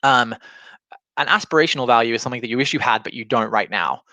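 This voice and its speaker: Speaking fast in a mid-range voice that's pushed and bright, a man gives an informal business-training talk. He keeps it conversational, illustrating ideas with imagined quotes. The recording is dry, and an alarm goes off in the background.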